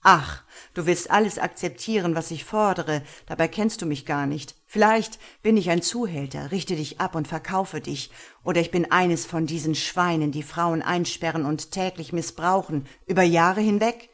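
A woman's voice: on the low side, moderate pace, few pauses, close to an everyday voice. A woman reading an audiobook, voicing a stern, dominant man who barks orders and mocks harshly. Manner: barked orders, harsh and mocking. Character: stern commanding male master, cold and dominant.

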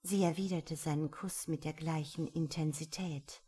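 A woman narrating an erotic romance novel in a breathy, intimate reading. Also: low voice, fairly even intonation, normal speed, dark tone. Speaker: audiobook narrator.

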